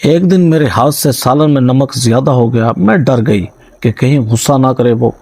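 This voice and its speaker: A man narrating a first-person story in a steady, dramatic, scripted reading voice into a close mic. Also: mid-range voice, gravelly, no echo, rough recording.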